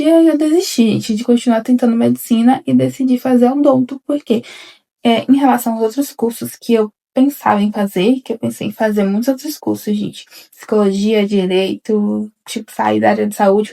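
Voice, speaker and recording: A young woman in her twenties speaks straight to camera in a casual, confessional vlog, her slightly high voice carrying a gravelly fry and a dark, mellow tone. She rambles, restarts her sentences and keeps turning to her viewers as if chatting with friends. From Bahia interior, Brazil. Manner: rambling, repeats "gente" often, frequent restarts. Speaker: vlogger, newly graduated dentist.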